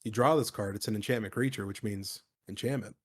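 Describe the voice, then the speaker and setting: A man's voice: lowish voice, fairly quick, slightly rough. A man co-hosting a card game stream, chatting casually and reading out cards with enthusiasm and informal slang.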